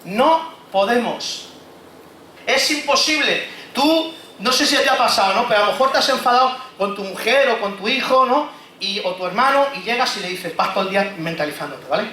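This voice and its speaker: A pastor preaching a conversational sermon, acting out inner monologues and asking the congregation rhetorical questions. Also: male voice, high voice, lively intonation, a little fast, sharp tone, a little hiss or hum. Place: church hall. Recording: echoey church hall, faint ambience.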